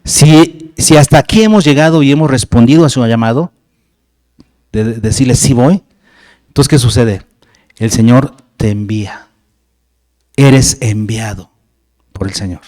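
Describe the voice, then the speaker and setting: A man preaching a sermon, animated and acting out biblical dialogue. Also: medium pitch, measured pace, pauses often, dry recording, studio quality. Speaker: pastor. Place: church.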